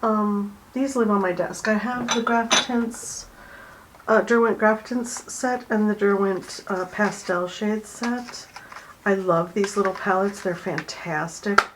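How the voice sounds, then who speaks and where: Soft-spoken woman chatting while she draws. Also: mid-range voice, unhurried, background noise. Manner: soft-spoken, drifting into near-whispers while concentrating; chatty and easygoing, with fillers and small laughs. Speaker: art channel host. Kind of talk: casual drawing tutorial chat. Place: home art studio at her desk.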